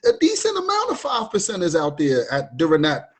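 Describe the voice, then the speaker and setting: A man hosts a relaxed conversation in a voice a touch higher than most men's. He keeps affirming his guest and sprinkles in "you know what I mean." His talk runs loose and conversational. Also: fairly quick, slightly rough. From Richmond, Virginia. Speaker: host. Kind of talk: casual conversation.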